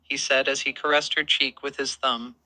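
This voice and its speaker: A man reading a romance story as narrator, in an even, steady storytelling manner. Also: mid-range voice, moderate pace, no room sound, rough recording.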